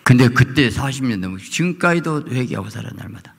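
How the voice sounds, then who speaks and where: Korean pastor guy preaching, gravelly voice, swings way up and down, church echo. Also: mid-range voice, animated, a little fast. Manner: swings from quiet asides to loud fervent cries, acts out quoted prayers. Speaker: senior pastor. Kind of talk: sermon at a prayer meeting. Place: church sanctuary. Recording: long hall reverb.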